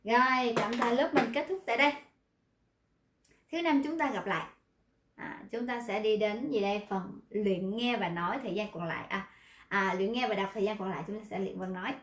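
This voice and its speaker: A Vietnamese-speaking woman teaching Korean pronunciation in an online class, lively, explaining and then reading model sentences slowly. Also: medium pitch, roomy sound, a little hiss or hum.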